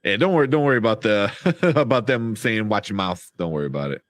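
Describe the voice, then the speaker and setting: Low-voiced man hosting, close and dry. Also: very animated, fast, no echo. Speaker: livestream host. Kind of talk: casual chat.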